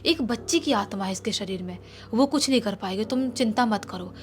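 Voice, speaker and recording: A woman voicing an old village priest who speaks calmly and reassuringly. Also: mid-range voice, fairly quick, slight background noise, natural voice. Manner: calm, reassuring.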